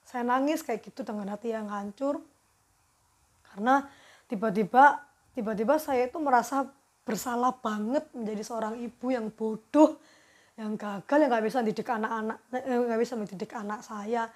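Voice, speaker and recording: Woman, fairly high voice, hesitant, earnest, personal testimony. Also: normal speed. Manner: hesitant, searching for words, earnest. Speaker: mother giving a personal testimony.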